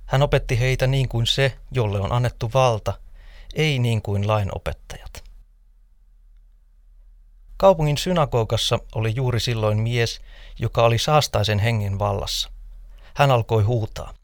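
A man in a scripted scripture reading, narrating in a measured, steady manner. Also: mid-range voice, no echo, clean studio sound. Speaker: scripture reader.

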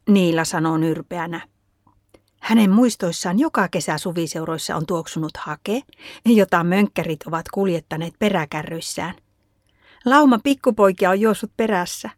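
A woman narrating a children's story in a calm, even reading voice. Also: fairly low pitch, dry recording, clean studio sound.

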